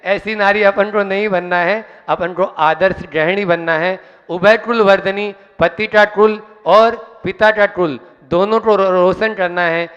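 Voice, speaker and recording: A man's voice: high-pitched, steady tone, unhurried, a bit bright, smooth. A man preaching a sermon and telling stories with quoted exchanges. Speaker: monk preacher. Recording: dull, reverberant hall sound.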